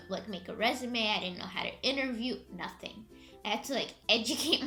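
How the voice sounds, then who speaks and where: Upbeat woman vlogger in her twenties, fairly high voice, casual storytelling. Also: bright, forceful tone. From Egypt. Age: 20s. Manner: chatty, upbeat, laughs often. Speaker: YouTuber. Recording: music faintly behind.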